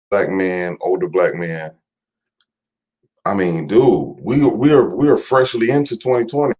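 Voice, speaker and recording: A man's voice: sits low, darkish tone. A young man casually chatting on a livestream, greeting viewers by name and rambling with loose, repetitive talk and the odd curse. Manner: loose, rambling, swears, repeats himself with "man". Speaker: livestream host.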